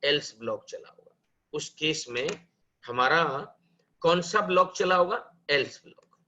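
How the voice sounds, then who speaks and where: A man teaches a live programming lesson, mixing English terms into his talk and calling the students brother. His voice is high and bright, and he speaks at an unhurried pace. The recording is dull and lo-fi. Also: a little hiss or hum. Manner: explains step by step, asks questions and answers them himself; mixes Hindi and English, calls students "bhai" and "beta". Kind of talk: live classroom lecture.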